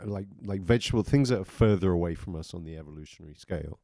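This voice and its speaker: A man's voice: deep voice, quick pace, warm tone, dry recording, studio quality. A man co-hosting a podcast, reasoning out his points with hesitant restarts in casual chat. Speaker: podcast co-host.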